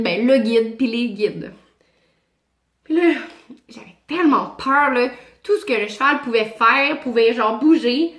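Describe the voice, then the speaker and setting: Québécois woman vlogger, lively slangy storyteller, slightly high voice, roomy echo. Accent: Québécois French. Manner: animated, slangy, chatty. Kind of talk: casual storytime. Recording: echoey room.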